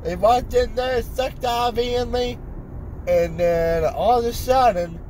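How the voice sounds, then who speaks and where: Teen male, high voice, groggy after wisdom teeth removal, insistent unfiltered rambling, recorded in a car. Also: fairly even intonation, measured pace, a little mellow. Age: teenager, fifteen. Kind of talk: rambling casual chat. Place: inside a car. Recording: noisy car interior.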